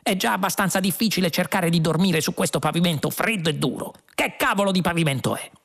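A man's voice: high-pitched, expressive, quick pace, vocal fry, fairly bright tone, pitched above the performer's own voice, full character voice. A man doing a whiny, sulky alien rogue. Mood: sleepy grumbling. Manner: whiny and petulant. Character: groggy, grumpy two-headed male alien adventurer.

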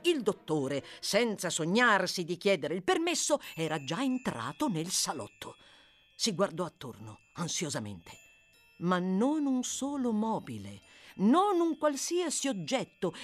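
A woman narrating a classic novel as an audiobook reader, with an expressive storytelling manner. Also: medium pitch. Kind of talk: scripted narration.

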